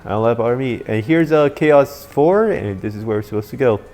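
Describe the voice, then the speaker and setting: A man with a somewhat dopey-sounding voice gives casual, halting playthrough commentary, rambling and repeating himself. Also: mid-range voice, animated, darkish tone. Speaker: gameplay commentator. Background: video game music.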